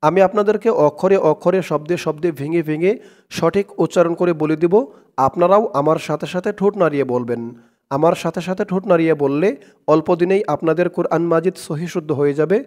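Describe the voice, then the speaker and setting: A man teaching Quran reading, chanting verses slowly syllable by syllable and then explaining pronunciation rules plainly. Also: fairly high pitch, a little mellow. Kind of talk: slow recitation lesson, syllable by syllable.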